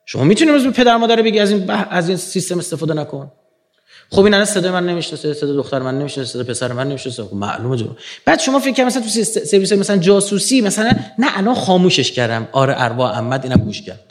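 Male lecturer addressing a crowd, higher-pitched, lively delivery that swings from quiet asides to forceful climaxes. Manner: animated, swings from low murmurs to emphatic rising peaks. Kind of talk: lecture to an audience.

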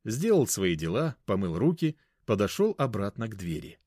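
A man's voice: lowish voice, very animated, normal speed, a little mellow, no room sound, clean studio sound. A man narrating a first-person story in a wry, conversational way.

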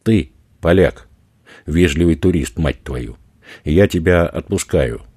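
A man voicing a rough, crude male street robber who swears and bullies, in a husky raised voice. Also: low voice, slow pace, dry recording, full character voice. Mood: threatening. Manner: loud, swearing, bullying.

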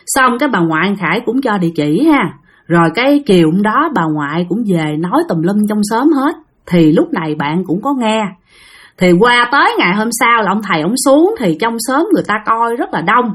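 A woman's voice: mid-range voice, big pitch swings, fairly quick. Southern Vietnamese woman telling a ghost story. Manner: chatty, addresses listeners directly. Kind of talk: casual spoken ghost story.

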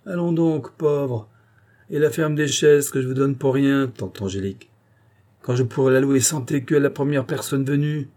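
A man's voice: medium pitch, normal speed, warm tone, voice pushed up, lightly acted. A man voicing a jovial country priest with a teasing, bantering manner. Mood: mocking.

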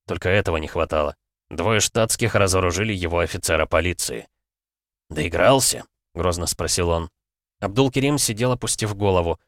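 A man narrating an audiobook in a calm, even reading. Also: low voice, fairly quick, dry recording, studio quality. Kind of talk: scripted narration.

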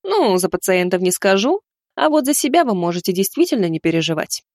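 A woman's voice: medium pitch, big pitch swings, fairly quick, a little mellow, dry recording, clean studio sound. A woman narrator voicing a cocky, teasing young male vampire in an audiobook. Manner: mocking, self-assured.

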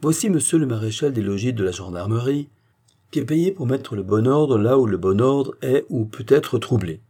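A man voicing a calm, stubborn village philosopher who argues point by point in an audiobook reading. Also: mid-range voice, normal speed, close to an everyday voice. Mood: reasoning. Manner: calm, almost gentle, arguing point by point.

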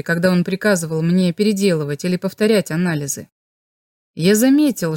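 A woman's voice: mid-range voice, darkish tone, dry recording. Woman reading an audiobook, dry and close. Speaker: audiobook narrator. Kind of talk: scripted audiobook narration.

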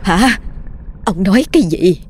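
A woman voicing a sharp-tongued older wife who scolds and exclaims, in a spoken horror story. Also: mid-range voice, expressive, measured pace, a little hiss or hum, lightly acted. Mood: scolding.

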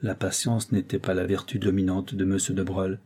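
A man narrating a classic novel in a measured storytelling manner. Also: low voice, little pitch movement, dark tone, slightly rough. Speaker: audiobook narrator. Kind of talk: scripted narration.

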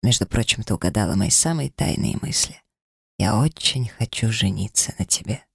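A man reading a romance audiobook, voicing a confident man in love who speaks softly and reassuringly. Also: lowish voice, animated, normal speed, gravelly, slightly rough, dry recording, studio quality, exaggerated voice. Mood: tender. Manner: soft, warm-hearted and reassuring.

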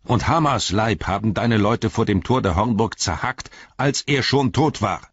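A man's voice: fairly low pitch, animated, normal speed, breathy edge, no room sound, lo-fi sound, voice pushed up. A man voicing a proud aging king who speaks sternly and accusingly. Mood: defiant.

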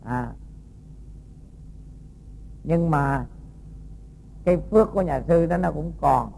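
Monk, kinda high voice with gravel in it, chatty storytelling sermon for kids. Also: male voice, slow, low-quality recording. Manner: lively, folksy, quizzes the audience. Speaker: Buddhist monk teacher. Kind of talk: storytelling sermon to young students.

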